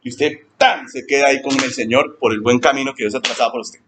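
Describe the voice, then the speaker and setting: A male pastor, preaching a sermon in an animated way and acting out church members in high mocking voices. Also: fast talker, a little hiss or hum.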